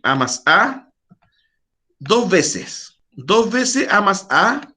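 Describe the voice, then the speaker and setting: A man's voice: high voice, sing-song, extremely slow, sharp tone. A man teaching a math class over a video call, quizzing his students and making chatty asides.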